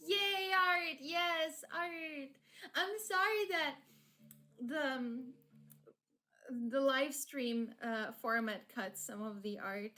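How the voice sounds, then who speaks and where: A woman chatting casually on a live stream in a playful, excitable, giggly way. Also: high voice, slow.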